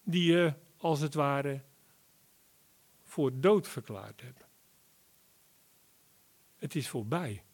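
A man preaching a sermon, explaining Bible verses deliberately and rising to emphatic calls at key words. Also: mid-range voice, animated. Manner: slow, deliberate Bible exposition with emphatic rises.

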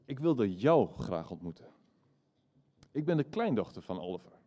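A man's voice: lowish voice, big pitch swings, moderate pace, mellow. A man voicing an earnest young woman, the granddaughter of a dying old man, in an eager, raised voice.

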